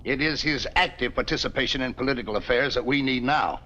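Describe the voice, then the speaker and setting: An actor playing a dignified territorial governor who speaks in a formal, oratorical manner. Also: male voice, mid-range voice, fast, sharp tone, natural voice. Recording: dull 1950s TV soundtrack.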